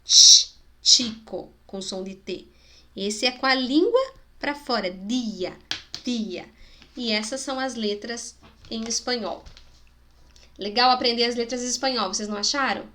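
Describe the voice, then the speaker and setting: A woman's voice: on the high side, normal speed, fairly bright tone. A woman with a Spanish-speaking accent teaching a video lesson to schoolchildren, patiently explaining and sounding out example words. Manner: explains patiently, checks in with "né?" and "tá bom?".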